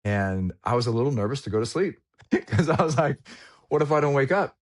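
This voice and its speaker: A man's voice: mid-range voice, lively intonation, brisk. A man in his forties telling a personal story in a candid, reflective way, with casual slang, as a guest in a podcast conversation. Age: 40s.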